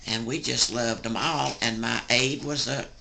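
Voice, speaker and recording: A sweet old lady in her eighties with a Southern US accent, reminiscing casually. Her voice is creaky and gravelly with a bright edge. She rambles in a folksy way, with faint noise on the recording. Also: a bass voice, steady tone, unhurried. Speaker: grandmother recounting family stories. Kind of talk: casual oral storytelling.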